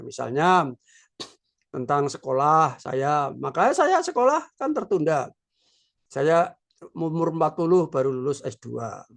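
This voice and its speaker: Older prof, kinda gravelly voice, slow and thoughtful, lots of "ya". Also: male voice, a little high. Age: 60s. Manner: unhurried, reflective, with frequent filler "ya". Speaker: philosophy professor. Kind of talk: informal lecture.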